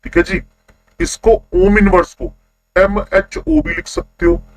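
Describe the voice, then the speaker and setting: A man teaching a chemistry class online, constantly quizzing his students with quick questions. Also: sits high, fairly even intonation, low-quality recording.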